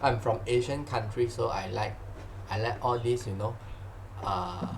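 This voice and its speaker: A man's voice: medium pitch, a little slow, creaky, a little hiss or hum. A man with a Malaysian accent teaching science informally, repeating phrases and tagging sentences with "lah" and "huh". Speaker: science tutor. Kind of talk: informal exam-question lesson.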